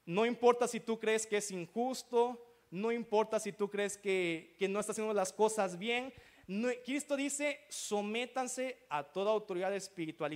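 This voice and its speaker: A man preaching a sermon as pastor, often checking in with the congregation. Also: sits high.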